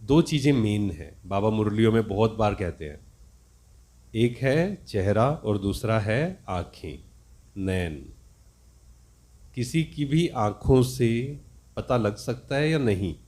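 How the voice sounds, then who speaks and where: A man's voice: lowish voice, expressive, slow, a little mellow. A man giving a spiritual discourse, teaching reflectively and asking his listeners questions.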